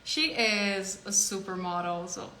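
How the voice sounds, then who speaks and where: A woman's voice: mid-range voice, fairly even intonation, unhurried, bright, forceful tone. A woman hosts a casual live stream, chatty and filled with ums. Her voice carries a roomy echo over a faint hum, as if she is talking into a phone indoors. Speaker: host.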